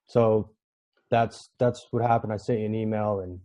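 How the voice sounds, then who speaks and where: A man talking casually as an interview guest, halting and repeating words as he goes. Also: on the low side, level tone, mellow. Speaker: podcast guest, real estate appraiser. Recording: dull, muffled lo-fi connection.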